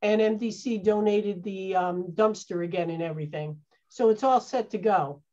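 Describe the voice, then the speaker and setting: In a casual meeting held over video call, the parks department head answers questions from her home office, now and then restarting hesitantly. She has a medium-pitched, darkish voice and keeps a moderate pace, heard through dull call audio.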